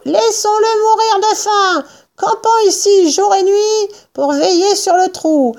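A woman voicing a lanky, bony male farmer who shrieks furious threats in a strained, very high voice. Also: slow pace, exaggerated voice. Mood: furious shouting. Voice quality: shrill, strained shouting. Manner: screeching threats.

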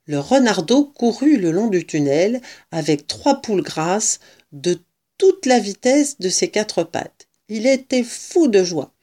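A woman reading a children's storybook aloud as narrator, slowly and expressively. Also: mid-range voice, lively intonation, mellow.

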